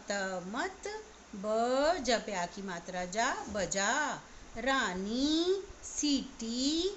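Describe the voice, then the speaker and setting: A woman teacher giving an online class to young children, spelling words out slowly sound by sound. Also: on the high side, slight background noise. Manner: slow, sound-by-sound spelling aloud. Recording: slightly dull, lo-fi recording.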